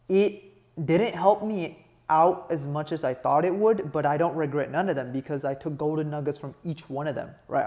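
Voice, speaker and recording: A man's voice: fairly high pitch, a little mellow. A young man from Nepal, an online fitness business coach, giving a motivational talk and tagging nearly every sentence with "right?". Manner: earnest, repeats "right?" constantly, builds to emphatic peaks.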